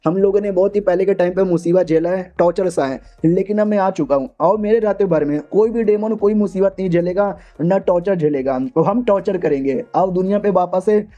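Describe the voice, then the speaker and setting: A man's voice: high voice, fairly quick, hardly any pauses, dark tone, highs cut off, natural voice. A man voicing a brash, arrogant male demon lord who swaggers and threatens in a manga recap. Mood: commanding.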